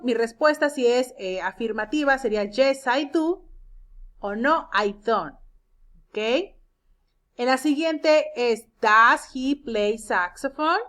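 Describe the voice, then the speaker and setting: Woman, English teacher, recorded lesson, slightly high voice, checks in with students. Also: a bit bright. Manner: explains step by step, checks with "¿de acuerdo?"; reads English examples slowly and clearly.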